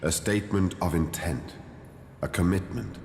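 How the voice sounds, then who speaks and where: A man's voice: sits low, normal speed, creaky, a little mellow, a little hiss or hum. An actor playing a stern, haughty male cleric leader in a video game, speaking formally and condescendingly. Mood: formal, measured. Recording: echoey hall reverb, music underneath.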